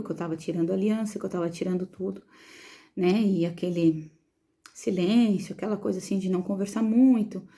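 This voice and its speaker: A woman with a Brazilian Portuguese accent, telling her story as the mother of a premature baby, in an emotional and halting way, repeating words as she goes. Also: medium pitch, gravelly, mellow. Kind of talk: personal testimony vlog.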